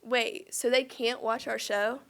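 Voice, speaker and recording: A woman's voice: on the high side, fairly even intonation, measured pace, vocal fry, a bit bright. A teenage girl co-anchoring a student news show, reading announcements cheerfully. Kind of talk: scripted school news reading.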